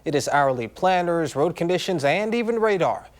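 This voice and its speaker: A man's voice: fairly high pitch, animated, moderate pace. A man anchoring an evening TV newscast from a studio, upbeat, with casual asides. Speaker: news anchor. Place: TV news studio.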